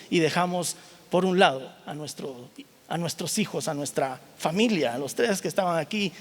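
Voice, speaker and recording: High-voiced man preaching in a reverberant hall. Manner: animated storytelling, acting out the characters' lines; asks the audience rhetorical questions. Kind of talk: sermon retelling a Bible story.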